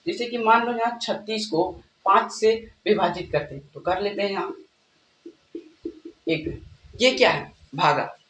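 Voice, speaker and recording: Male tutor with frequent check-ins, echoey room. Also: high voice. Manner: asks questions and answers them himself, checks in with "ठीक है". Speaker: maths tutor. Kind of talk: classroom-style lesson explanation. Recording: echoey room with faint background noise.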